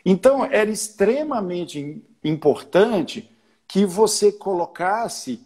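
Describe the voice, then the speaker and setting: Husky man explaining at length. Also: high-pitched, expressive, slow, darkish tone. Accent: Brazilian Portuguese. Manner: explains at length with many restarts, sings and counts out examples. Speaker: choir conductor guest. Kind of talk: casual chat on a live stream.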